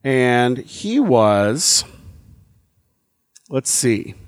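A man's voice: mid-range voice, sing-song, very slow, no echo, studio quality. Rambling man in casual podcast chat. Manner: rambling, thinking aloud with many fillers. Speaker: podcast co-host.

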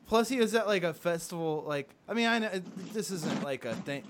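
A man's voice: sits high, expressive, brisk, noisy background. A man, co-hosting a casual podcast chat, rambling and swearing in a sardonic way. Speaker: podcast co-host.

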